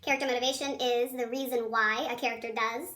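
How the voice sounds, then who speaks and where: A woman with a squeaky, helium-like chipmunk voice teaching children in a chatty, encouraging, informal video lesson. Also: fairly even intonation, quick pace, bright, forceful tone. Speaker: elementary school teacher.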